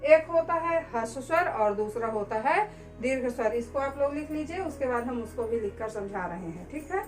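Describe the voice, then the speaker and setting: A woman teacher giving a lesson slowly, repeating key words and asking questions she answers herself. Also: a little high, lively intonation, reverberant, soft background music, poor audio. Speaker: school teacher. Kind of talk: classroom-style lesson.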